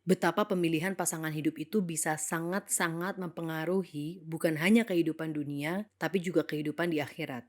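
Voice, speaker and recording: A young woman narrating a scripted reflective monologue in an earnest, thoughtful way, switching now and then into English phrases. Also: fairly low pitch.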